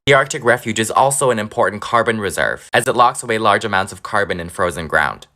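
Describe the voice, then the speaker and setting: Sassy young man, swooping pitch. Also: bright, forceful tone. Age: young adult. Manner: sassy, blunt and profane. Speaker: comedic content creator. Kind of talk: comedy sketch monologue.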